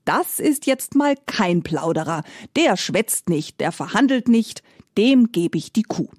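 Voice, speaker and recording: A woman's voice: medium pitch, sing-song, unhurried, darkish tone, no room sound, studio quality. A woman voicing a simple-minded male farmer who talks in a folksy, exclaiming way. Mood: earnest.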